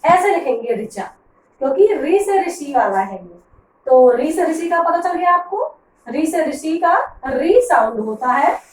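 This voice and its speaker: A woman's voice: sits high, lively intonation, measured pace, reverberant, recorded from a distance, slight background noise, low-quality recording. A woman teacher explaining grammar to pupils, patiently asking questions and answering them herself. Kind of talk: classroom grammar lesson.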